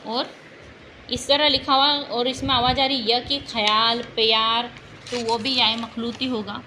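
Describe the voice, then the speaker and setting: A woman's voice: a little high, little pitch movement, normal speed, noisy background. A woman teacher giving an exam-prep language lesson, patiently repeating example words and checking in with her students.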